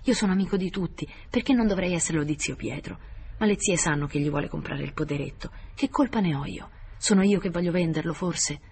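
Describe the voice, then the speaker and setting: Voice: mid-range voice, brisk, a little mellow, a little hiss or hum, close to an everyday voice. A reader voicing an anguished, impulsive young man who pleads and breaks into whispers, in an audiobook. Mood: pleading. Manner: emotional, pleading, sometimes whispered. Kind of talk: audiobook character voice.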